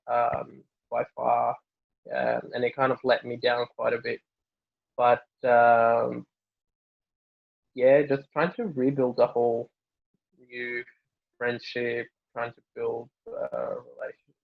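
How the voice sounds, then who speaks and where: The muffled recording captures a young man from Norway, a family doctor and native Norwegian speaker, answering an interviewer with relaxed fillers and frequent restarts. His voice is medium in pitch with vocal fry.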